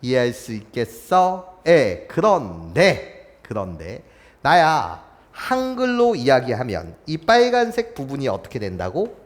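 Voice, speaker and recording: A man's voice: mid-range voice, wildly swooping pitch, takes it slowly, long reverb tail. A man tutoring a math class, playful and chuckling, who keeps stopping to ask whether his students follow. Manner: keeps checking in with students, asking if they follow; playful, chuckles between points.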